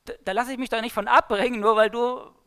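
A woman voicing God in a calm, steady, insistent way as she quotes Him in a sermon. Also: fairly high pitch, fast, clean tone, no echo, clean studio sound. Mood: firm. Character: God speaking firmly to a doubting believer.

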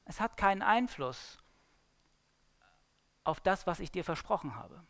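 God speaks calmly and insistently, as a woman preacher quotes Him. The voice stays steady and firm, with pitch that rises and falls in a lively way. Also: a little slow, no room sound. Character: God speaking firmly to a doubting believer.

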